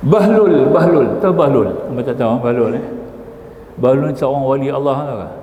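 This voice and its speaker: Older northern Malay preacher in an echoey hall. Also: male voice, mid-range voice, fairly quick, dark tone, lo-fi sound. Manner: keeps asking the audience "nampak tak?"; storytelling with quoted dialogue. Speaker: religious teacher. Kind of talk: religious lecture. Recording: echoey hall with long reverb.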